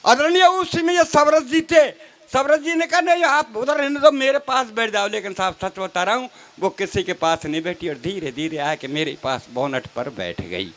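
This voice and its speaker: A man's voice: high-pitched, moderate pace, fairly bright tone. A man reciting comic poetry on stage, telling stories with mock dialogue and teasing his fellow poets. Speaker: stage comedy poet. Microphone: stage microphone. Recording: live crowd behind the voice.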